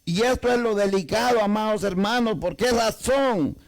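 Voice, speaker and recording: A man with a high-pitched, creaky voice preaches a sermon at normal speed, in a low-quality recording. Speaking to the congregation with a Salvadoran Spanish accent, he asks many rhetorical questions and repeats "amados hermanos".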